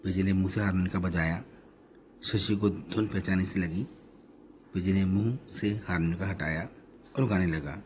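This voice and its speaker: A man narrating a story in a steady, plain reading voice. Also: sits low, a little hiss or hum.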